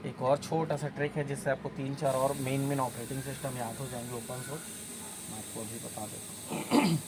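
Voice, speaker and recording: A man's voice: medium pitch, fairly even intonation, normal speed, heavy background noise. A male teacher giving an exam-prep lesson, explaining memory tricks step by step and often repeating and checking with "okay".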